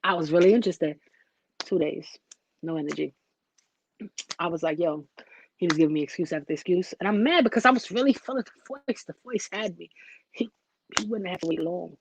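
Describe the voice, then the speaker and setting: A woman chatting casually into the camera, telling an animated story full of "like" and asides. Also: fairly low pitch, fairly quick, gravelly, pauses often, breathy edge, low-quality recording. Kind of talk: casual vlog chat.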